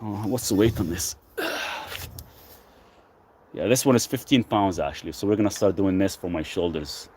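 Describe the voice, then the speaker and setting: There's a slight hiss or hum behind this low-pitched Lebanese man as he streams from his country property. He speaks at a normal speed but leaves long pauses, reading viewer questions aloud and answering them in a relaxed, meandering manner.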